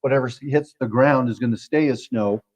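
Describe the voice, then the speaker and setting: A man's voice: mid-range voice, brisk, rough recording. A man working as a TV meteorologist, explaining the forecast in a folksy way with frequent fillers. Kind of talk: broadcast weather chat.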